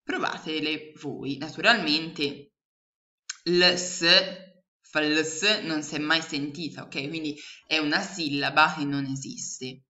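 A woman teaching young children online, slowly and patiently sounding out letters and syllables. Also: low-pitched, sharp tone. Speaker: primary school teacher. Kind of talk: remote lesson for young children. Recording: echoey room, dull lo-fi sound.

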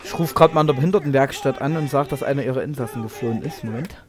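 A man's voice: mid-range voice, rapid-fire, crowd noise. A man giving sarcastic, joking commentary on wrestling in mock indignation.

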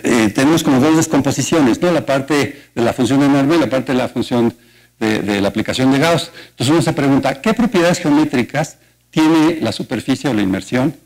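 This mathematics lecturer, a man with a Mexican Spanish accent, speaks in a mid-range voice during a university colloquium held in an auditorium. He explains each step in turn and throws rhetorical questions at the listeners, all captured on a low-quality recording.

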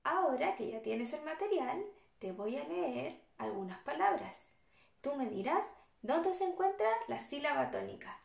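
A woman's voice: high-pitched, very animated, measured pace, creaky, roomy sound. A woman teaching young children in a cheerful video lesson and asking them questions.

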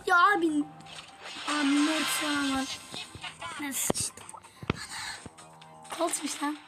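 A woman giving casual gameplay commentary to her viewers, excitable, swinging between yelling at opponents and quiet apologies. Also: high-pitched, slow, over music. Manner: casual slangy talk to viewers. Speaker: gaming YouTuber.

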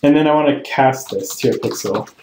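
Brisk and darkish in tone, a medium-pitched man teaches coding via screen recording, explaining each step while thinking aloud and correcting himself. The poor audio has a roomy quality and slight background noise, along with typing and clicks.

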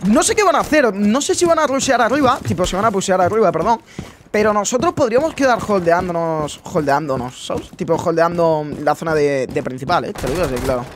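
A young man from Spain with a Spanish accent, chatting excitedly and casually to viewers while commentating his own gameplay. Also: high voice, fairly quick. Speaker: gaming YouTuber. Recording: noisy with game sound. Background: game sounds.

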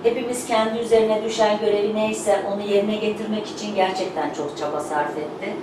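Woman host, earnest and emphatic, informal speech, distant mic, clear background noise. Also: medium pitch, fairly even intonation, fairly quick. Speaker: company representative hosting a showroom opening. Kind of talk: informal thank-you speech. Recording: echoey room, distant mic, noisy background.

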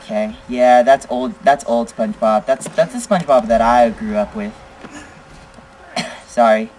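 A teenage boy giving excitable gameplay commentary as a gaming channel host, blurting exclamations and teasing. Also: medium pitch, a little slow, slight background noise, low-quality recording. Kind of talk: live gameplay commentary with chat.

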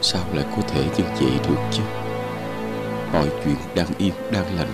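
An actor playing a scheming middle-aged father, firm and instructing in a low, hushed voice. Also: a little fast, loud music behind the voice, lightly acted. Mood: troubled.

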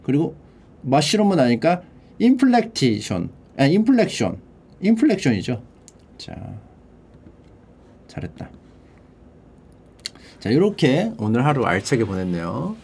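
In a casual livestream of vocabulary study, this man plays with English words, drawling them slowly, repeating them and translating them while he mutters and swears under his breath. His mid-range voice is a little mellow and husky, with vocal fry and huge pitch swings.

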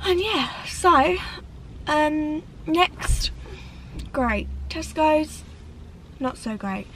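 A woman, chatting to camera from a parked car, animated and gesturing, with dramatic sighs. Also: high voice, creaky, a little hiss or hum, low-quality recording. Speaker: vlogger. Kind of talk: casual chat to camera. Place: parked car on a rainy day. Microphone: camera on the dashboard.

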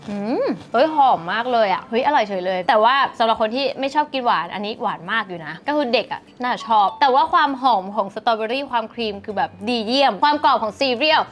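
A woman's voice: on the high side, quick pace, few pauses. A young woman chatting casually as she tastes and reviews snacks, exclaiming as she eats. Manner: chatty, exclaims while tasting. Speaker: food reviewer. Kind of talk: casual food review vlog.

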